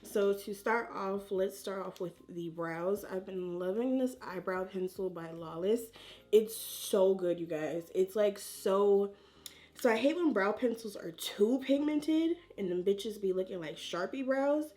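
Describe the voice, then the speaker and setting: A woman with a mid-pitched voice gives a relaxed-format makeup tutorial. She talks informally to her viewers as she applies products, using plenty of slang and chatting as if to friends. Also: a little slow. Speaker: beauty vlogger.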